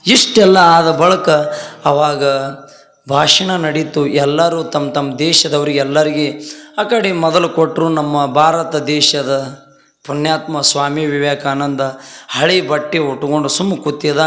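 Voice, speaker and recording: Emphatic preacher in echoey hall. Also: male voice, a little high. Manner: rises sharply into loud emphatic peaks, acts out dialogue. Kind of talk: folksy sermon storytelling. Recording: echoey hall with faint music.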